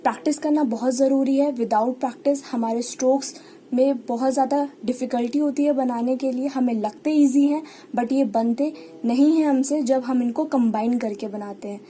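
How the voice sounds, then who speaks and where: High-voiced Indian woman teaching patiently. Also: fairly even intonation, moderate pace, dark tone, slight background noise. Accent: Indian English. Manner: patient, repeats key words and example sounds. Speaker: shorthand teacher. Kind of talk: online lesson explaining step by step.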